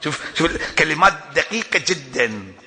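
A man's voice: fairly high pitch, big pitch swings, a little fast, gravelly, pushed and bright, long reverb tail. A man preaching a sermon at a religious gathering, building to rising, emphatic passion and chuckling often. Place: religious gathering hall indoors.

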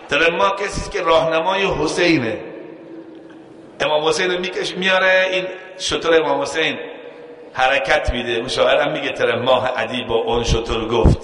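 A man's voice: medium pitch, bright, forceful tone. Man preaching in an echoey hall. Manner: storytelling with quoted dialogue and chanted verse, rising emphasis. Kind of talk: sermon storytelling.

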